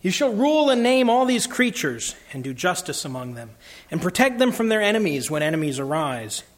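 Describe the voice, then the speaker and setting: A solemn, kingly lion, as a man reads him aloud addresses his new subjects gravely and formally. His voice stays fairly high for a man and moves in a steady, measured way. The part comes from a storybook read within a sermon.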